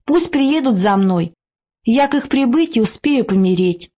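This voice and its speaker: A dying old hunchback monk, meek and slow, asking for small mercies in a plaintive tone, as a woman reads him in an audiobook. The voice sits fairly high, and the recording is dull and lo-fi. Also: animated, mellow. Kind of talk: audiobook reading.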